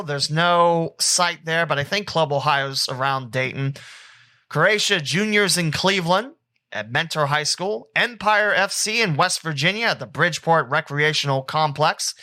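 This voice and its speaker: A man hosting a solo sports podcast, reading through teams and scores in a casual, rambling way with quick self-corrections. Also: on the high side, sharp tone. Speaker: podcast host.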